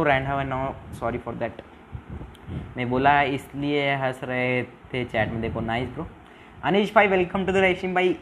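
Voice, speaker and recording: The audio quality is poor, carrying a slight hiss or hum, as a young man with a medium-pitched, slightly bright voice hosts a relaxed game livestream. Blending Hindi and English, he reads out viewer comments and often asks for subscriptions.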